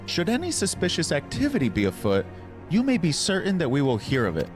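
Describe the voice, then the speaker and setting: Man putting on a high-pitched, solemn fantasy queen. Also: huge pitch swings. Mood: solemn, concerned. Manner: formal, measured, solemn delivery. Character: earnest, queenly woman leader in a fantasy game. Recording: game music behind the voice.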